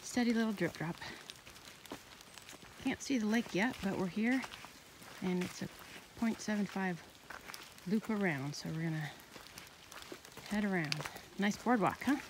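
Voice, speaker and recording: A woman's voice: mid-range voice, measured pace, pauses often. Woman narrating a rainy forest hike. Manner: plain, matter-of-fact trail commentary. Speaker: hiking vlogger. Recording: outdoor recording with steady rain noise. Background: rain.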